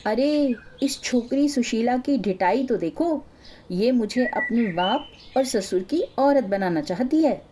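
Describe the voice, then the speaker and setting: A woman voicing a harsh, quarrelsome widowed neighbor who scolds and taunts in a raised, shrill voice. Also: expressive, measured pace, few pauses, dark tone, slight background noise. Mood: shrieking.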